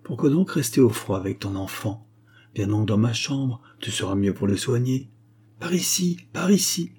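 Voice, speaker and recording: A man voicing a kindly, devout old shoemaker who speaks gently and earnestly. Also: medium pitch, animated, normal speed, husky. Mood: coaxing.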